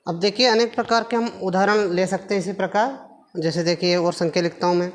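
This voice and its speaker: A man's voice: high voice, fairly even intonation, fairly quick. A man teaching a maths class at a board, patiently asking his pupils rhetorical questions and answering them himself, calling them affectionately children. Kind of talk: classroom lesson explaining at a board.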